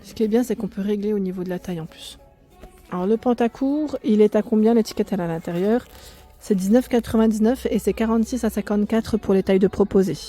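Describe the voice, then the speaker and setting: Woman vlogger, very mellow dark tone, chatty and self-correcting, clothing store, faint music behind. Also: medium pitch, fast talker. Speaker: fashion vlogger. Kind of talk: casual in-store clothing walkthrough. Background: loud in-store music.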